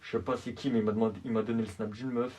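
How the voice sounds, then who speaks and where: A man's voice: lowish voice, little pitch movement, rapid-fire, a little mellow, husky, voice pushed down. A young man playing a cocky teenage boy from school with slangy swagger.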